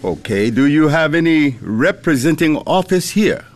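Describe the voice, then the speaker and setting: An actor playing a compassionate male soldier in a radio drama, halting with uh fillers. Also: on the high side, animated, lightly acted. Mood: questioning.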